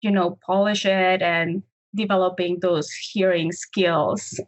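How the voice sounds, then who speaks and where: Speaking slowly in a steady, lowish voice, a woman from Colombia in her late thirties gives thoughtful answers in an interview. She's a Spanish speaker with a Colombian accent who restarts sentences as she looks for words.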